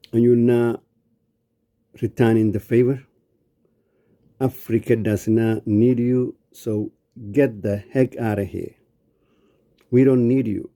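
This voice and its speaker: A man's voice: fairly low pitch, dark tone. A man from Somalia speaking in an indignant, blunt monologue. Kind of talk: angry monologue.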